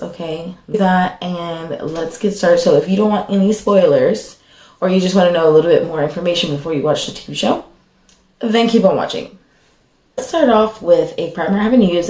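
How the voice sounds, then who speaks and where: A young woman with a slightly hoarse voice chatting casually as a beauty vlogger while doing her makeup, rambling with lots of fillers. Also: on the low side, a little mellow. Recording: echoey room.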